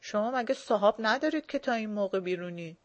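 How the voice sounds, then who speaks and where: Commanding rough man, read by a woman, loud, blunt storybook bully. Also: mid-range voice, lively intonation, natural voice. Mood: gruff. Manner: loud barked orders. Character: gruff commanding male tough guy host.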